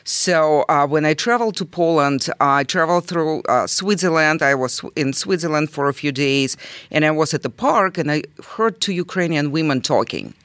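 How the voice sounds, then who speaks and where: A woman from Russia, a native Russian speaker, talking earnestly as an interview guest, halting often with fillers. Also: low voice, expressive, fairly bright tone, no room sound. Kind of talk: conversational interview.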